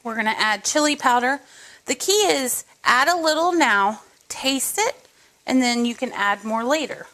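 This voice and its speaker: A fairly high-voiced woman talks viewers through a recipe in her home kitchen. Her tone is chatty and casual, with asides and small jokes as she cooks. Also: expressive, unhurried, sharp tone. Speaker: cooking show host. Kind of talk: casual cooking tutorial.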